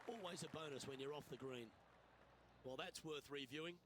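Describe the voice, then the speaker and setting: A male golf commentator calls the action in a measured, polished announcer delivery. His voice sits slightly higher than most men's. A faint, steady noise runs beneath it. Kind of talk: scripted sports commentary.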